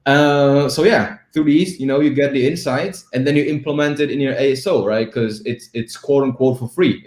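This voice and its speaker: Man talking in a roomy, echoey space. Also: mid-range voice. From Czech Republic. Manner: relaxed, rambling, often asks "right?". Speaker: guest. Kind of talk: casual interview talk. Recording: roomy echo.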